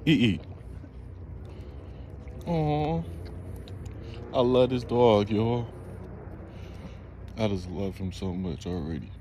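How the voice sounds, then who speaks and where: A man's voice: on the low side, slow pace, pauses often, dark tone, slight background noise. A man filming a casual vlog, doting on a stray dog and talking to it in a fond, coaxing way outdoors. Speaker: vlogger.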